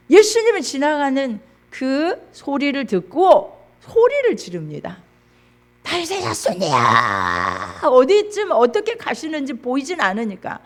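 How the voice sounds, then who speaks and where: A middle-aged woman pastor preaching a sermon, reading scripture aloud and calling out to the congregation. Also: high voice.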